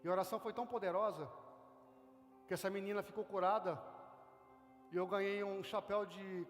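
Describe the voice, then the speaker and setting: A man with a Brazilian Portuguese accent preaches a sermon in a strikingly high register. His delivery is fervent and swells loud on key phrases. The voice carries a long hall reverb, with soft music underneath. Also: fairly even intonation, fairly quick. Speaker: pastor. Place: church service.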